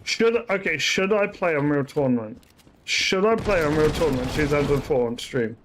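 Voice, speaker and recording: This man's voice is a little high, expressive and fairly bright, at normal speed over slight background noise. He chats and rambles while streaming a shooter game, breaking off mid-sentence to correct himself.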